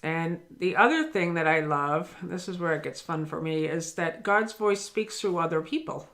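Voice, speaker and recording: Speaking at normal speed in a lowish, slightly bright voice, this spiritual teacher looks right into the camera for her daily lesson. She sounds earnest and encouraging, talking directly to the listener.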